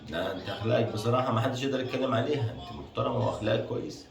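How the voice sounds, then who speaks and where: Fast-talking Syrian man, guarded. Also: mid-range voice, creaky. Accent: Syrian Arabic. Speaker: husband in a comedy sketch. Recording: roomy echo with loud music behind.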